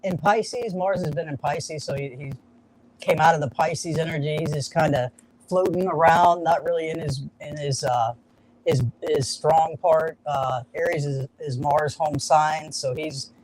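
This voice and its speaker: A woman guest talks through astrology in casual conversation. She is hesitant, often restarting words as she thinks aloud. Crowd noise is clearly heard behind her. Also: low-pitched, steady tone, a little slow, poor audio.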